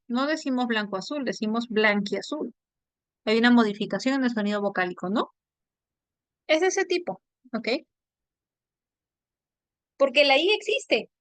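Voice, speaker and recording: A woman lectures on word formation, her voice sitting a little high. She explains patiently and keeps tossing in quick tag questions to check that students follow. The sound is dry and close, with no room around it. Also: a bit bright, no echo. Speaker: language teacher. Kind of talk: online class lecture.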